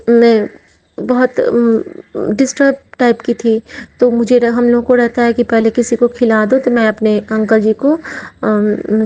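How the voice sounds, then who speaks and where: A woman's voice: a little high, mellow, highs cut off. A middle-aged woman from Mithila, sharing a heartfelt devotional testimony and often addressing her listeners as sangat ji. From Mithila region, India.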